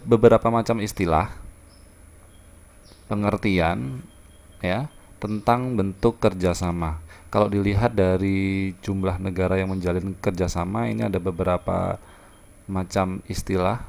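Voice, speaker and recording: A male teacher with a very low, gravelly voice lectures a class. He explains step by step, repeating key terms and pausing with fillers, in a patient classroom manner. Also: darkish tone.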